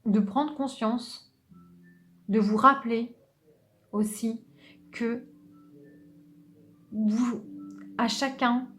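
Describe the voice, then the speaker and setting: A woman giving an unscripted tarot reading, speaking gently and hesitantly, with many restarts. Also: on the high side, steady tone, very slow, pauses often. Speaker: tarot reader.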